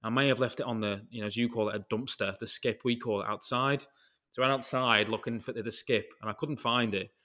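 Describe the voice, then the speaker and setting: On a podcast, a British guest who works as a concrete craftsman tells stories in a casual, rambling chat, hopping from tangent to tangent and swearing now and then. He talks fast in a mid-range voice with fairly even intonation, sounding bright and forceful.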